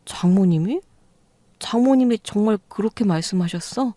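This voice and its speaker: A woman's voice: medium pitch, normal speed, dark tone, no room sound, lightly acted. Woman voicing a clueless hubby who keeps defending himself, dry audio. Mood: defensive. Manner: defensive, pleading. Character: bewildered, clueless husband.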